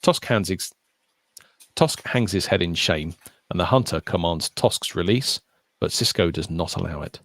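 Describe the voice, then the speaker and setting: A man hosting a podcast, reading out an episode summary with animated asides in a casual chat. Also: deep voice, normal speed, dry recording. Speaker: podcast host. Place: recorded podcast session.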